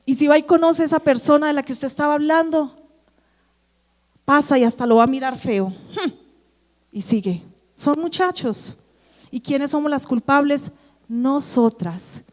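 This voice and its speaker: A woman with a Colombian Antioquia accent preaching a lively sermon to her congregation, asking them questions and acting out the dialogue she quotes. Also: sits high, moderate pace, long pauses. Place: church. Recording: church hall reverb.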